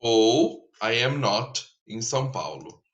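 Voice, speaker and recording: A man's voice: mid-range voice, expressive, highs cut off. A man from Brazil teaching an English grammar lesson, explaining patiently and checking in with his students often. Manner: slow, patient explaining with frequent "tá?" check-ins. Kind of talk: recorded online lesson.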